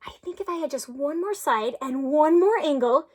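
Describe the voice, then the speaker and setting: Woman voicing a high-pitched grumbling storybook shape. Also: expressive, moderate pace, a little mellow. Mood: wishful. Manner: grumbling, plaintive. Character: restless, grumbling, dissatisfied shape in a children's storybook.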